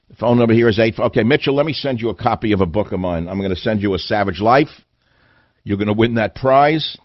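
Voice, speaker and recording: A man's voice: medium pitch, no echo, lo-fi sound. An older man hosting a radio talk show, delivering an indignant monologue full of hammering rhetorical questions. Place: radio studio.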